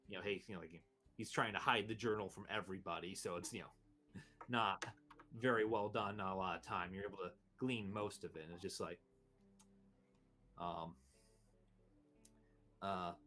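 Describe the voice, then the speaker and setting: A man narrating a tabletop role-playing game as game master, halting and searching for his words. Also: on the low side, bright, forceful tone.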